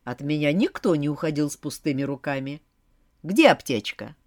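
A woman voicing a sardonic male demon who teases in a dry, mocking way, speaking with lively pitch. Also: moderate pace, no echo.

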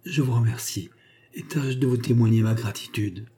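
A man's voice: medium pitch, moderate pace, warm tone, breathy edge, lightly acted. A man voicing a weak, anxious wounded young husband in an audiobook. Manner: faltering and anxious.

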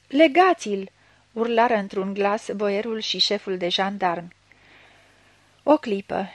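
A woman's voice: medium pitch, no room sound. Dry, close woman reading a story. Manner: dramatic, voices the characters' shouts. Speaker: reader. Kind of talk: audiobook reading of a literary story.

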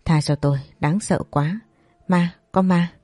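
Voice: medium pitch, moderate pace, mellow, no echo, lightly acted. The narrator voicing a frightened older man who sees ghosts, speaking in a tearful, pleading way. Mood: terrified. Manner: trembling, tearful, fearful pleading. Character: frightened old man haunted by visions.

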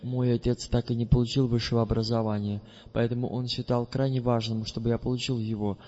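A man narrates a first-person audiobook in a measured, deliberate manner, his mid-pitched voice level and mellow. The dull, slightly muffled lo-fi recording lets a long reverb trail after each phrase.

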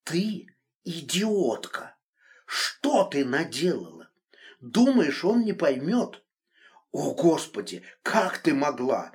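Brief: male narrator doing an enraged, possessive married man in an audiobook, high and loud, shouts then hissed threats. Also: huge pitch swings, slow, full character voice. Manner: shouting accusations, then hissing low threats. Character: angry middle-aged married man, controlling and furious. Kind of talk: audiobook reading.

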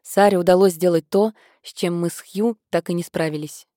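A woman voicing an easygoing young gentleman who speaks in a casual, offhand way in a read-aloud story. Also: on the low side, steady tone, normal speed, no echo, clean studio sound, natural voice.

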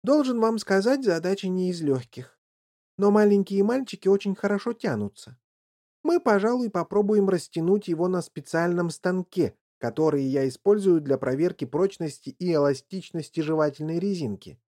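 A reader voicing an eccentric, excitable man who owns a chocolate factory, in an audiobook. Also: mid-range voice, pitched above the performer's own voice, lightly acted. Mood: musing. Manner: exclaiming, brisk, theatrical. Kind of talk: audiobook character reading.

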